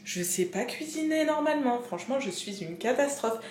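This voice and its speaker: A woman's voice: on the high side, expressive, normal speed, darkish tone, a little hiss or hum. A woman chatting casually to her camera in a vlog, laughing often and poking fun at herself. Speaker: vlogger. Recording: echoey room with music playing.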